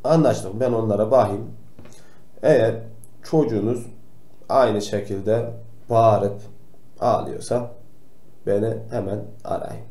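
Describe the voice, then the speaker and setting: A man playing a kindly old grandpa doctor who gently tells noisy children to stay quiet, in a comic role-play for kids. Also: fairly low pitch, slow, pauses often. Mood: gently scolding. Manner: gentle, admonishing, talks straight to the kids. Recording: roomy echo.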